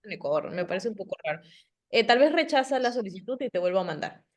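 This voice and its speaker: Brisk woman running a virtual class. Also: mid-range voice, sing-song. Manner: brisk, practical, sorting out problems on the fly. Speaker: class coordinator. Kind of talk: organizing breakout groups in a virtual class. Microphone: video call.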